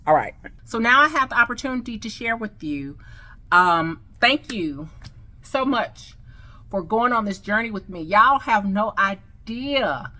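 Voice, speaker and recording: A woman's voice: fairly high pitch, animated, measured pace, sharp tone. A woman vlogging casually about her new teeth, effusive and chatty, with a slight lisp. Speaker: customer sharing her experience. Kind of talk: casual selfie vlog.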